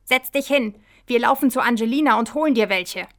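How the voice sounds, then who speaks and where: A woman voicing a brisk, bossy little male Christmas elf in a children's story. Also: mid-range voice, bright, forceful tone, lightly acted.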